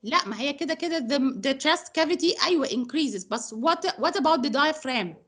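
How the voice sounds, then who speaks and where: A woman's voice: high-pitched, expressive, measured pace, a bit bright. A woman with an Egyptian Arabic accent teaching science over a video call, patient and coaxing, mixing Arabic and English. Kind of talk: online tutoring lesson.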